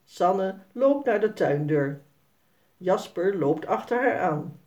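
Woman reading a kids story, slow and lively in pitch. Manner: slow, expressive.

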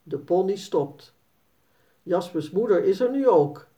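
A woman reads a children's story aloud, slow and unhurried, in a mellow, soft-toned voice. The sound is dull and lo-fi, with her a little back from the mic. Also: on the low side, expressive. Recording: dull, slightly distant recording.

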